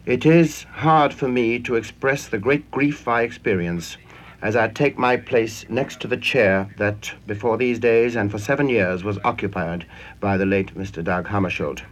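Low-voiced man giving a translation voice-over. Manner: formal, measured interpreting. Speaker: interpreter. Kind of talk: translation voice-over of a formal speech. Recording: noisy 1960s radio broadcast recording.

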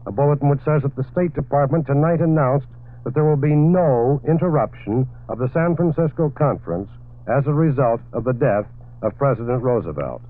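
A man's voice: medium pitch, a little fast. Man reading 1940s radio news. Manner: steady reading with occasional fillers. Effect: old 1940s radio broadcast. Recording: tinny old radio broadcast.

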